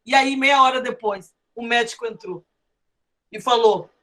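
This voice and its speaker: A woman's voice: on the high side, a little slow, bright, forceful tone. A woman with a Brazilian Portuguese accent preaching a sermon, telling a story with emphatic, often raised delivery. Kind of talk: sermon with testimony.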